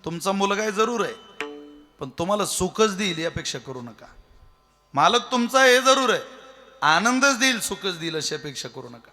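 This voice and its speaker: A man's voice: high voice, expressive, normal speed, pushed and bright, faint music behind. A man giving a devotional sermon as a kirtan preacher, folksy and joking, throwing out rhetorical questions.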